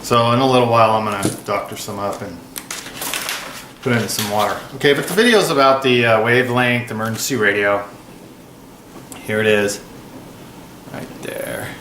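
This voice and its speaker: A lowish, fairly bright male voice at a moderate pace, pausing often, carries this rambling hands-on product review. The host talks in an informal, offhand way, and the recording has an echoey room and clear background noise.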